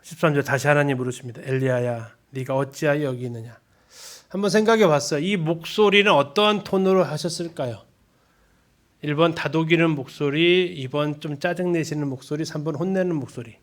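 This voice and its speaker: A man's voice: fairly high pitch, fairly quick. A man leading a Bible study lesson in a church, reading scripture aloud and putting questions to the congregation. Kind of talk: sermon-style Bible lesson.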